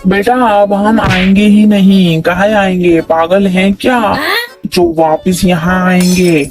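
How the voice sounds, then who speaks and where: A man's voice: high voice, takes it slowly. A man voicing a quarrelsome cartoon man who scolds and taunts a coworker, keeps asking if he understood. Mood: scolding. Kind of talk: animated comedy dialogue. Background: background music.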